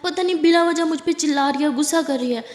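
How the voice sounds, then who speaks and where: A woman's voice: sits high, voice pushed up, natural voice. A woman voicing a playful, teasing young woman in love, reading her lines in a spoken love story. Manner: teasing, pleading. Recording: echoey reverberant room.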